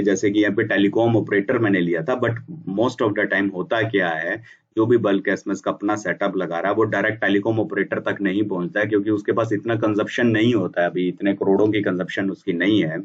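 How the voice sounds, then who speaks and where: Low-voiced man teaching from off-mic. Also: brisk, far from the mic, muffled recording. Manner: explanatory, restarts words, mixes English terms. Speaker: instructor explaining bulk SMS business. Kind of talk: casual whiteboard lesson.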